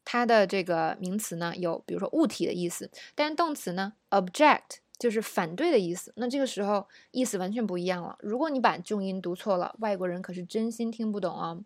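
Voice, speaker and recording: A woman from China teaching English pronunciation, explaining patiently and modeling words slowly. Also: medium pitch, dry recording, studio quality. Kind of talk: spoken language lesson.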